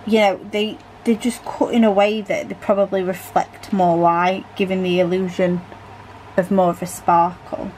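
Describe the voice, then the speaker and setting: A woman's voice: medium pitch, little pitch movement, normal speed, darkish tone, slight background noise, low-quality recording. A British woman chatting casually about her diamond painting hobby as she works, rambling freely and correcting herself mid-thought with little asides. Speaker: crafting vlogger.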